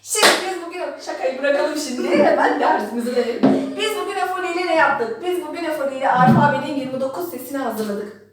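Mom baby-talking her little one, super high voice, sing-songy and repeating stuff, kinda far from the mic. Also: expressive, fast talker. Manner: coaxing, repetitive sing-song questions. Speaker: mother and vlogger. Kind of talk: playful baby talk and children's lesson. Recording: echoey room, mic at a distance.

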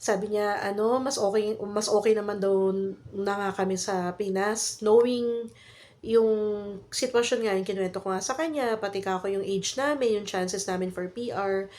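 A woman from the Philippines in her thirties vlogs a relaxed story at normal speed, her medium-pitched voice darkish in tone and Filipino-accented. She has a cold and a cough, and her Taglish is loaded with fillers and tag questions.

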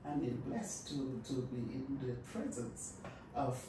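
An older woman with a Caribbean accent hosts a casual radio interview, chatty and repeating her phrases. Her pitch moves around in a lively way. The sound is very echoey, with clear noise behind her. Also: measured pace. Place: radio studio. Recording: echoey, distant mic, clear background noise.

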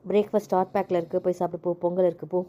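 Cheeky young wife, mellow warm tone, exasperated played by a woman. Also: lowish voice, level tone, racing, natural voice. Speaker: voice actor in audio drama. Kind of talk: amateur audio drama acting.

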